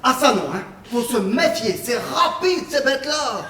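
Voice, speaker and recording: Man as easygoing penniless guard, amateur stage play, high voice, distant echoey sound. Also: lively intonation, moderate pace, fairly bright tone. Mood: chatty. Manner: folksy, chatty talk with tag words. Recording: echoey stage hall picked up from afar.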